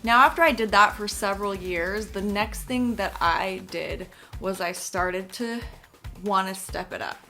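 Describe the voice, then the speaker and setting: A woman's voice: mid-range voice, sharp tone. A woman giving casual, encouraging advice straight to her audience, earnest and emphatic, with a lisp and whistling s sounds. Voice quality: lisp with whistling s from clip-in veneers. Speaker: singer giving career advice.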